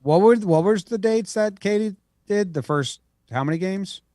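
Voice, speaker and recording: A man's voice: sits high, normal speed, dark tone, no room sound, clean studio sound. A man co-hosting a podcast, chatting casually and playfully about baseball. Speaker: podcast co-host. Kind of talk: casual sports chat.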